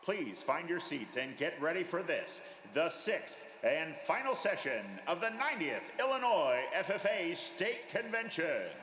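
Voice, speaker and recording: Man for a loudspeaker announcement in a big hall, formal, with a lively lilt; echoing room with noise behind. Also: a little high, a little slow, hardly any pauses. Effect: public address announcement over hall loudspeakers. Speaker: convention announcer. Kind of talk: formal public address announcement. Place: large convention hall.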